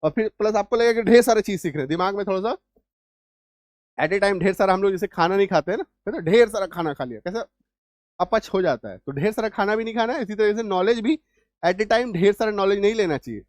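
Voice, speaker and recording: A man's voice: high-pitched, quick pace, no echo, clean studio sound. A male English teacher giving a spoken lesson, explaining patiently step by step and often checking that his students understand. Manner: repeats words and keeps checking understanding.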